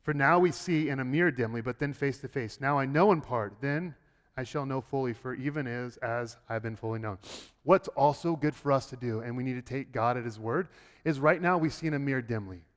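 A man preaching a sermon as pastor, swinging between loud, high bursts and hushed low passages, often repeating words as he starts a thought. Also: brisk. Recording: long hall reverb.

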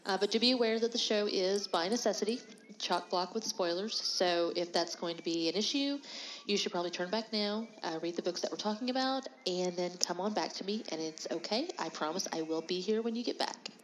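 A woman's voice: medium pitch, a little fast, slight background noise, poor audio. A woman with a congested, stuffy nose, hosting a podcast solo in a frank, informal, conversational way. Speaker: podcast host. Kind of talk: casual solo podcast talk.

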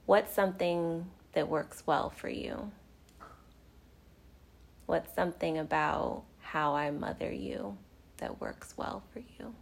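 A middle-aged woman, a podcast host and mother, talking slowly and tenderly, often dropping to a whisper. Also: low voice, lively intonation, vocal fry. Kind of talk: casual heartfelt conversation.

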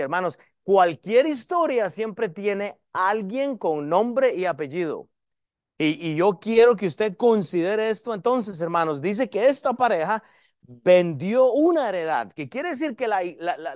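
A man preaching a sermon as pastor, in a lively, conversational way and addressing the congregation as brothers. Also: sits high, no echo, studio quality. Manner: lively preaching, varies loudness and pace.

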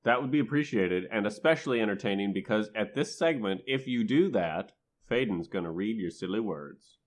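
A man's voice: on the low side, expressive, brisk. A man chatting casually and bantering as the co-host of a podcast.

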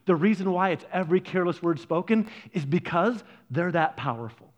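A man preaching a sermon, animated and conversational, acting out quoted voices. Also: a little fast. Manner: animated, acts out quoted voices with big pitch jumps. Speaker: pastor.

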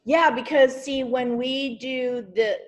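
A woman with a high voice hosts a podcast over a video call, speaking slowly with fairly even intonation. Her talk is casual, rambling and encouraging, and she often searches for words.

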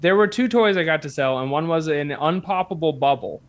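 Man with a lightly high voice, rambling anecdotes. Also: lively intonation, fairly quick. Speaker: guest telling stories of odd jobs. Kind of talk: casual comic chat.

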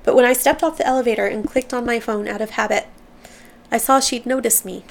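A woman's voice: on the high side, steady tone, brisk, creaky. A woman hosting a book podcast, reading excerpts aloud and then sharing heartfelt commentary that stumbles a little when she is moved.

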